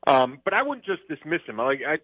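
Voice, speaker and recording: A man's voice: fairly high pitch, sing-song, fairly quick, a bit bright, no room sound. A man discussing football on sports radio, talking conversationally with plenty of fillers and restarts. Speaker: football analyst. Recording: dry phone-line audio.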